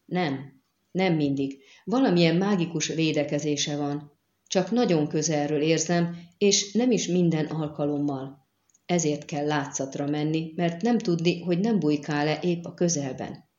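Woman voicing a muttering woman telepath, low and guarded, dark voice, echoey muffled audiobook sound. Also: close to an everyday voice. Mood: explaining. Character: wary young woman telepath and spy. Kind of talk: audiobook character reading.

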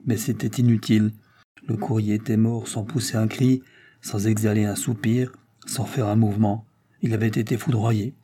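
A man narrating a novel as an audiobook in an even, measured reading. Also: lowish voice. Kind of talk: scripted narration.

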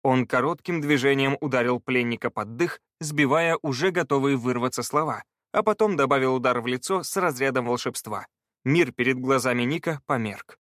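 A man narrating a fantasy audiobook in a measured, even storytelling manner. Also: mid-range voice, no room sound, studio quality.

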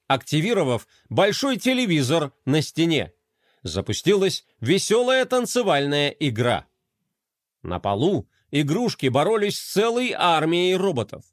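A man reading a children's story aloud with an expressive manner. His voice sits high and moves a lot in pitch. The recording is dry and close. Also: no echo. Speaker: narrator.

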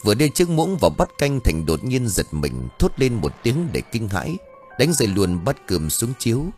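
A man's voice: fairly low pitch, sing-song, moderate pace, a little mellow, faint music behind. A man reading a horror story aloud as an audiobook narrator, telling it in a dramatic way.

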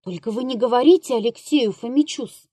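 A woman's voice: on the high side, husky, dry recording, studio quality, voice pushed up. Woman doing a meek old theatre prompter. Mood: gentle. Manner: slow, soft, adds deferential "-s" to words. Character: tall wiry bald old male prompter, gentle and deferential.

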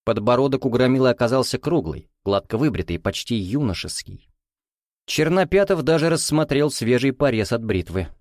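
A man narrating an audiobook chapter in a measured, even storytelling manner. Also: mid-range voice, dry recording, clean studio sound. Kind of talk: scripted narration.

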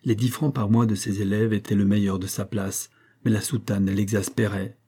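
A man narrating a classic novel as an audiobook, in a steady literary reading. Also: fairly low pitch, moderate pace, slightly rough. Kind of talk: scripted narration.

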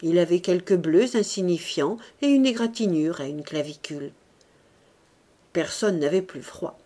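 A woman narrating a classic novel as an audiobook in a deliberate, expressive reading. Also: lowish voice.

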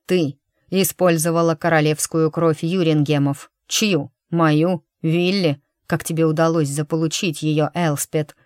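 A woman's voice: low voice, steady tone, measured pace, a little mellow, no echo, clean studio sound. A woman voicing a stern, curt king in an audiobook. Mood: accusing. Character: stern middle-aged king, gruff and commanding.

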